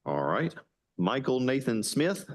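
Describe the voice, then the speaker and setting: A man chairing a board meeting, briskly calling up applicants and asking for questions. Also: medium pitch, very animated. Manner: brisk, calls names and asks for questions.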